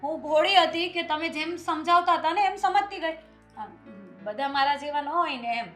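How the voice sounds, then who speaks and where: An actress playing a meek daughter-in-law who hesitantly tries to calm her strict mother-in-law. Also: high-pitched, moderate pace, soft background music. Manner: hesitant, soft, placating. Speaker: actor in a short film. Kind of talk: family drama acting.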